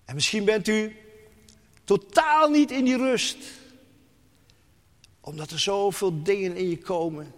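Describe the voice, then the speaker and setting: A man preaching slowly and deliberately, leaning on each phrase. His voice sits a little high for a man, and a long reverb from a large church hall trails behind him. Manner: slow, emphatic preaching with soft, hushed drops. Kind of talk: sermon.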